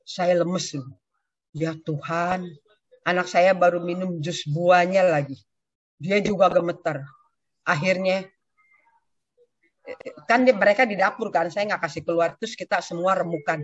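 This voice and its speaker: A woman's voice: fairly low pitch, measured pace, long pauses, dry recording. An older woman sharing a personal testimony with her church community, telling her story with animation and acting out what others said. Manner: animated storyteller who acts out quoted speech. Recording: dull, dry lo-fi recording.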